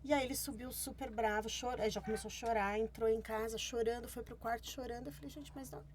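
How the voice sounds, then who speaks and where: A Brazilian woman shares a story about her child on a podcast, talking quickly and with animation. Her voice sits a little high for a woman. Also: a little hiss or hum. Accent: Brazilian Portuguese. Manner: animated anecdote-telling. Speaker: podcast co-host, mother. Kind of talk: casual storytelling.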